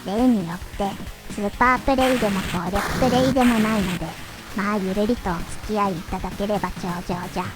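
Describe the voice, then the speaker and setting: A woman's voice: mid-range voice, fairly even intonation, brisk, low-quality recording. A woman giving scripted gameplay commentary as a playthrough host, phrasing things in the quaint manner of an elderly sage. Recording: loud game music behind voice. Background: loud video game music.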